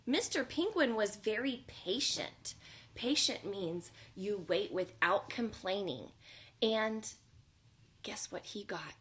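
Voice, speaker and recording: Preschool teacher, woman, storytime read-aloud, bright, slow and very expressive. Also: mid-range voice. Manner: gentle and expressive, unhurried. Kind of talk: reading a picture book aloud to children. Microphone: home video recording.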